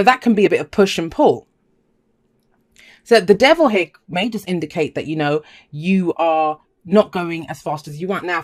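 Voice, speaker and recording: Casting: upbeat tarot reader, talks straight to the viewer, chatty and emphatic, repeats words for stress. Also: mid-range voice. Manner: enthusiastic, emphatic repetition, chatty asides. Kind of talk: casual spoken tarot reading to viewers.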